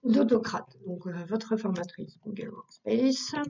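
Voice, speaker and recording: A woman teaching Google Workspace guides viewers through a software task step by step in a screen tutorial, filling her speech with fillers. Her voice is mid-range, unhurried and creaky, captured far from the mic in lo-fi sound.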